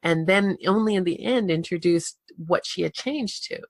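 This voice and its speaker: A woman's voice: fairly low pitch, normal speed, no room sound. A woman hosting an interview, explaining marketing advice in a direct, casual way. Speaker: podcast host, marketing coach. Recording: dry close recording.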